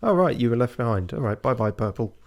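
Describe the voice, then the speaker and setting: A man hosts a gaming video with relaxed, chatty let's-play commentary, reading viewer comments aloud. His mid-range voice is fast and creaky and sometimes breaks.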